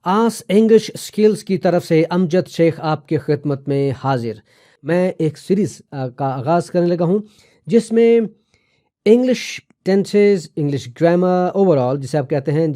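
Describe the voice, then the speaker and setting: Male tutor, a touch high-pitched and warm, patient and repetitive, hammers key terms home. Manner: patient, repeats key terms with slow emphasis; reassuring, asks viewers to remember. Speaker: English teacher. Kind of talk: explanatory video lesson.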